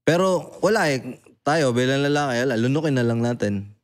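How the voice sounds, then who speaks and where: A young adult man hosting a casual podcast chat, animated and blunt, swearing freely and often asking "di ba?". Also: medium pitch, moderate pace. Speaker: podcast host.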